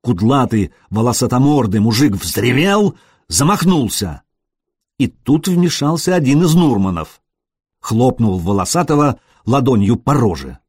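Husky, lively male audiobook narrator. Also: mid-range voice, unhurried, no echo, clean studio sound. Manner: expressive reading that briefly acts out the characters.

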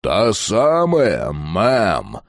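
A man voicing a crude, brutal ex-convict who talks in a gruff growl. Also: on the low side, wildly swooping pitch, extremely slow, no echo, clean studio sound, heavily acted. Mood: menacing. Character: rough thuggish male ex-convict, crude and brutal.

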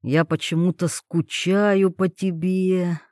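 A brooding young man talks low and slow, clipped and guarded, as a female narrator puts him on. The sound is dry and close. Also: warm tone, no echo. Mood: tender. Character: brooding young man, gruff then tender.

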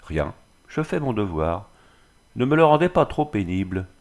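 A man's voice: on the low side, very animated, normal speed, a little mellow. A man reading the part of a proud, defiant young wife in an audiobook, firm and disdainful.

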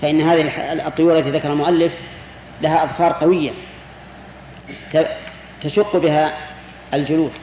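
Teaching a jurisprudence class, this sheikh speaks with a slightly high, steady, darkish voice, a little fast and with frequent pauses. He works through points step by step, repeats key words and turns questions back to the students. A long hall echo and faint hiss sit under the recording.

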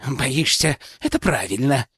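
A man voicing an arrogant, hot-tempered young nobleman with a shrill, nasty high voice, shouting and sneering in an audiobook. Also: big pitch swings, measured pace, slightly rough, no room sound, clean studio sound, full character voice. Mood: threatening.

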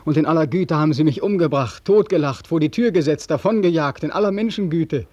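A man's voice: mid-range voice, a little slow, dark tone, slightly rough, no echo, muffled recording. An actor playing a bitter young war veteran who accuses God and mocks people while dreaming of his own death. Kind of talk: radio play acting.

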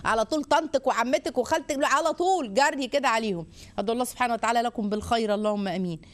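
An Egyptian woman hosting a live religious advice show. She exhorts and gently teases her callers in an animated way. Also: on the high side, racing. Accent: Egyptian Arabic. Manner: animated, exhorting, warmly teasing. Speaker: host answering viewer questions.

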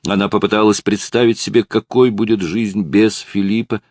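A man narrating a romance audiobook in a calm, measured way. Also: fairly low pitch, no room sound, clean studio sound. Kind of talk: scripted narration.

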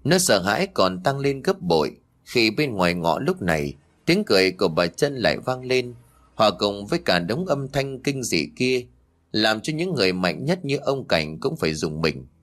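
A man narrating a horror story in a dramatic, lively storytelling manner. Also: fairly low pitch, moderate pace.

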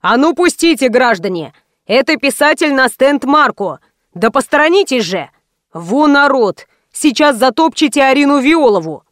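A woman reading the part of a pushy, loud male publisher who barks orders and hustles a crowd. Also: high voice, expressive, moderate pace, dry recording, studio quality. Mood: bossy shouting. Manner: barking, hectoring, impatient.

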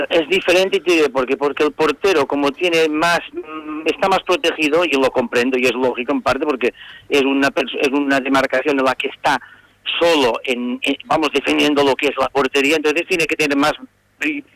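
A man's voice: medium pitch, normal speed, fairly bright tone, no room sound, rough recording. A man talking as a football pundit on a radio show, indignant and repeating himself as he rants about a match. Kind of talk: heated sports radio debate.

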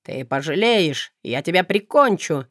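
A tied-up, vengeful young man, voiced by an audiobook reader snarls threats in a somewhat lowered voice. The recording is dry and close. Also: animated, unhurried, fairly bright tone, dry recording. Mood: threatening.

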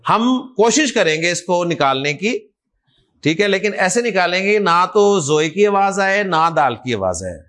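A man's voice: high voice, big pitch swings, fairly bright tone, rough recording. A man teaching Arabic letters to a class, drilling students with repeated prompts and frequent checks that they follow. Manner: coaxing, repetitive, frequent checks for understanding.

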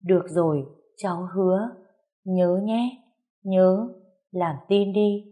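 A woman's voice: on the low side, takes it slowly, dark tone. A woman reading aloud and voicing a seventeen-year-old girl who is tearful and reproachful. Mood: firm.

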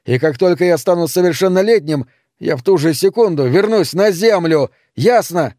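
Роль: вспыльчивый бунтующий молодой сын, дерзкий и громкий, озвучивает мужчина; сухая запись. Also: male voice, high voice, expressive, moderate pace, no room sound, studio quality, pitched above the performer's own voice. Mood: defiant. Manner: shouting, defiant. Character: rebellious young adult son, hot-tempered.

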